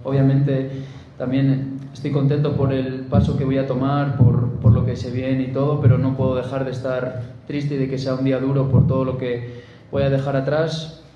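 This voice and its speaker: Spanish-accented man, halting farewell words, very dark voice, echoey distant recording. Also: mid-range voice, monotone, lo-fi sound, a little hiss or hum. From Spain. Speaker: footballer at farewell. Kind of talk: emotional farewell statement.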